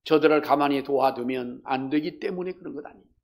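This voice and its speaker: Gravelly-voiced man preaching fervently. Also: medium pitch, fast. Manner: fervent preaching, swinging from loud exhortation to hushed storytelling. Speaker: pastor. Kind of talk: sermon.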